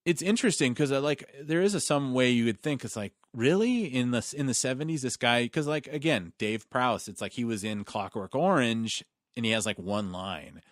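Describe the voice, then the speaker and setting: A man's voice: medium pitch, normal speed, no echo, clean studio sound. A man co-hosting a podcast, chatting casually about films in a loose, rambling, enthusiastic way. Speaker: podcast co-host.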